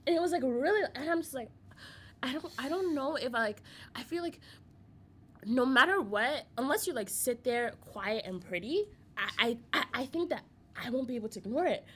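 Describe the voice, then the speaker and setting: A young woman hosting a casual podcast chat, talking quickly with lots of "like" and frequent laughter. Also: high voice, animated, a bit bright, slightly rough. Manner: chatty, laughs often, heavy use of "like". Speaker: podcast host.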